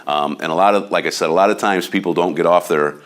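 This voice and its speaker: In an office meeting room, a man with a deep voice and a Midwestern American accent gives real estate agents a casual training talk. He speaks fast and loud, coming across as blunt and somewhat overbearing.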